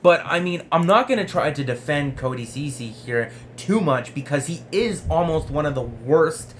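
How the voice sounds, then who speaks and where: A man's voice: a little high, expressive, normal speed. A man in his twenties hosting a sports vlog, arguing with himself in an earnest, explanatory, conversational way. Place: small home room with jerseys on the wall. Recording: noticeable room noise.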